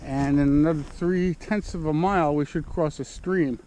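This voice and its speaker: A man's voice: fairly high pitch, fairly even intonation, normal speed, warm tone. Man narrating a hike in noisy outdoor audio. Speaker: hiker narrating own trek. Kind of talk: casual outdoor trail vlog narration. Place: outdoors on a snowy mountain trail, windy in places.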